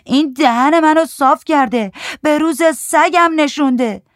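A woman voicing a desperate, distraught husband who shouts and sobs in a storybook reading. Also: sits high, dry recording, studio quality, pitched above the performer's own voice, close to an everyday voice. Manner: shouting, sobbing.

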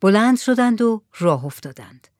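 A woman reading a literary short story aloud in a soft voice that often drops near a whisper. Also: mid-range voice, big pitch swings, no room sound, clean studio sound. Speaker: narrator.

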